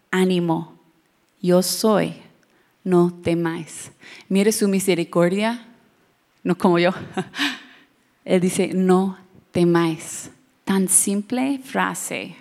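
A young woman preaching a sermon, moving between Spanish and English, joking and laughing, now shouting, now hushed. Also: mid-range voice. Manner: expressive, shouts and drops to hushed tones for emphasis. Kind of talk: bilingual sermon.

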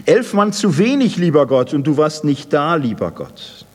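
A man's voice: very animated, normal speed. A man reading as a bitter war survivor. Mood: bitter accusation. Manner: reproachful, low and subdued. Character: bitter young male war survivor accusing God. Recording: long hall reverb.

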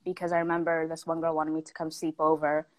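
Young woman from south africa, lowish voice, dry close sound, chatty storytelling full of ums and likes. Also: completely flat delivery, fast talker, no echo. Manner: storytelling with many fillers, acting out quoted people. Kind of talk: casual chat.

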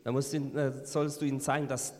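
A man with a mid-pitched voice interprets a sermon phrase by phrase. He hesitates often, filling gaps and fixing his words as he goes. His voice rings with a long reverb around it. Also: level tone, very fast, darkish tone. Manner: hesitant, frequent fillers and self-corrections.

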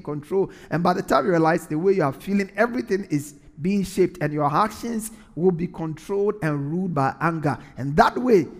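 A man's voice: high-pitched, in a large hall. A man preaching a sermon in an earnest way, repeating phrases for emphasis.

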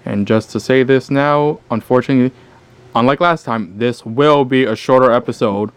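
A man co-hosting a casual gaming podcast, talking in a low-key, dry and sarcastic way. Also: moderate pace, clean tone, no room sound. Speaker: podcast co-host.

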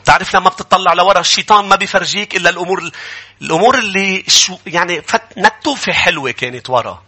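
Fast, bright-voiced Lebanese pastor preaching. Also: male voice, sits high, slightly rough. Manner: animated preaching, acts out grumbling people. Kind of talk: sermon.

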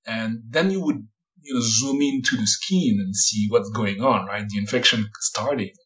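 A man's voice: fairly low pitch, moderate pace, a bit bright, muffled recording. A man who grew up near Paris, a researcher guest speaking thoughtfully with frequent fillers. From France, Paris area. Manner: thoughtful, hesitant, many fillers, laughs lightly. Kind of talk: casual interview talk.

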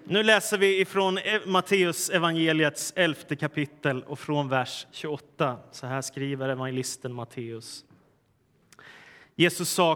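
A male pastor delivering a sermon, moving from a lively told joke into a measured scripture reading. His voice sits a little high for a man. The sound carries a long reverb, as in a church hall. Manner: storytelling, animated in punchlines.

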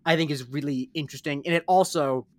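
A man's voice: fairly high pitch, steady tone, fast, no room sound. A man casually discussing a TV episode, thoughtful and hedging, with frequent ums and self-corrections.

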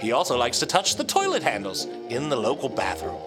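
A man putting on a prim British narrator from an old educational film, in a lively, sing-song voice that swoops up and down. The voice sits at a middling pitch for a man, and music plays clearly underneath. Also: fairly quick. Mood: mock-earnest. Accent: put-on British. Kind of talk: mock documentary narration.

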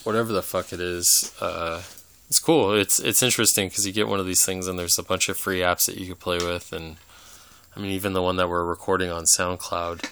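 A man chats at home in a laid-back, swearing, self-mocking way, his voice very low and gravelly. It has a bright, sharp edge. Recorded on a phone, with a faint hiss behind him. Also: fairly even intonation, a little fast. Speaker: podcast co-host. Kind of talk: casual chat.

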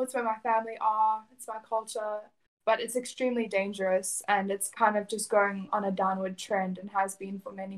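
Her speech is steady and flat as this young South African interviewee, a native Afrikaans speaker, plainly answers conversational questions about her story. She has a medium pitch and lets out an occasional soft laugh. The recording is rough.

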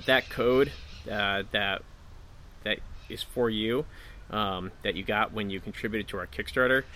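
A man's voice: fairly low pitch, sharp tone, a little hiss or hum. A man talking informally and a little hesitantly as the solo host of a casual podcast. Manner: informal, chatty, hesitant phrasing.

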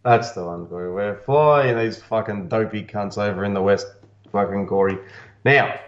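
A cheeky Australian man trades crude, boastful jokes on a podcast. His voice comes through muffled and hollow, as if he's talking through a paper cone. The sound is dull and boomy, with a lot of room echo. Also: normal speed. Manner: swears a lot, teasing and boastful. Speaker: podcast co-host. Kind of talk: crude, jokey banter.

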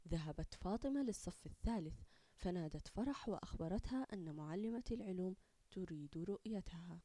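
A woman narrating a children's story in an expressive, lilting manner, close to the mic. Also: on the low side, a little fast, dry recording.

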